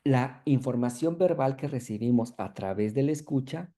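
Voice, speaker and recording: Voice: mid-range voice, animated, moderate pace, warm tone. A university lecturer, explaining clinical material to students and constantly checking in with a questioning tag after each phrase.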